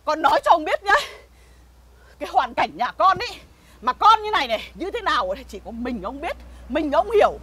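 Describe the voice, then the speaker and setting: In a comedy sketch, a loud, hot-tempered village mother rants indignantly at thieves in a shrill, sharp voice, fairly quick and very animated. Her rhythmic cursing is heavily acted, with slight background noise.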